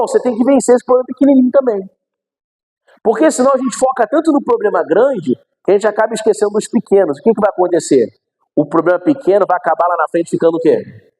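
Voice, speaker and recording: A man's voice: high voice, warm tone, husky, poor audio. A man preaching a sermon as pastor. He asks the audience questions and acts out the voices of the people in his examples. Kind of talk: sermon teaching.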